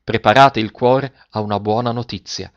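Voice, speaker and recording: A man voicing an anxious lady of the house who speaks gently and hesitantly. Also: on the low side, fairly even intonation, normal speed, no room sound, lo-fi sound, natural voice.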